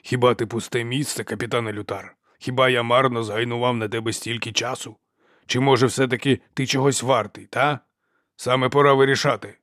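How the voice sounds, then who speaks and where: A man's voice: medium pitch, steady tone, a little fast, a bit bright, dry recording, studio quality, lightly acted. A man voicing a demanding older male fencing marshal who hisses urgent commands in an audiobook.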